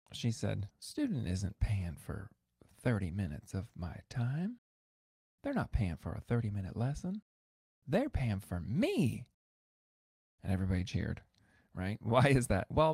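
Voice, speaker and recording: A man's voice: lowish voice, gravelly, warm tone, no echo, studio quality. A man who teaches piano, hosting an instructional podcast in a conversational, emphatic way that repeats words for stress.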